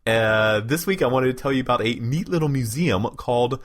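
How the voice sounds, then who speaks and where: A man's voice: medium pitch, brisk. A man co-hosting a casual travel podcast, enthusiastic, laughing often and restarting his sentences. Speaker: co-host, segment presenter.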